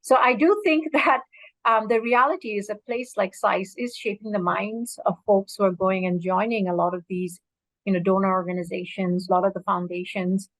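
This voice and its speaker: Speaking to an audience as an alumna, this woman from Bangladesh, in her fifties, reflects earnestly on personal matters and uses plenty of fillers. Her mid-range voice is fairly bright with fairly even intonation and a moderate pace, recorded dry and rough.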